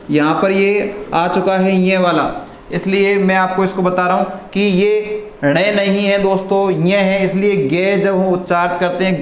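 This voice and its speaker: A man teaching a live online lesson, asking the class questions and answering them himself, often clearing his throat. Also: sits high. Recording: echoey room with faint noise.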